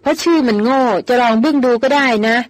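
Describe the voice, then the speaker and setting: A woman's voice: high-pitched, quick pace, no room sound, voice pushed up, lightly acted. A woman reader voicing a teasing young man who mocks his companion in a jungle camp. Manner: teasing, mocking, laughing.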